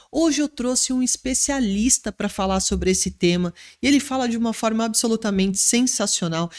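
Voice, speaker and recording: Woman, Brazilian Portuguese accent, podcast host, upbeat, slightly high voice, ironic asides. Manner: enthusiastic, ironic when teasing. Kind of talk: lively podcast interview.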